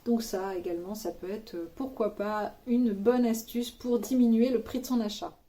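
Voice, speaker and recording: Chatty, mellow-voiced woman vlogger. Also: medium pitch, steady tone, normal speed. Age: adult with children. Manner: chatty, informal, with slangy asides and teasing humor. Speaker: vlogger sharing money-saving tips. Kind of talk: casual chat to camera.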